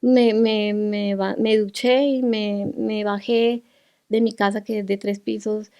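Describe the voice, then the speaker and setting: Mellow-voiced woman, halting. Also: mid-range voice, flat delivery, smooth. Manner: halting, with restarts and fillers while recounting. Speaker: guest, grieving mother. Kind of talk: emotional personal testimony.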